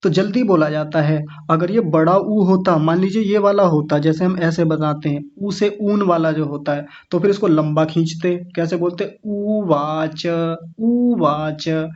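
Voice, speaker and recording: A slightly high, darkish-toned man leads an online lesson as a Sanskrit recitation teacher, patiently pronouncing words syllable by syllable at a slow pace. The audio has its highs cut off.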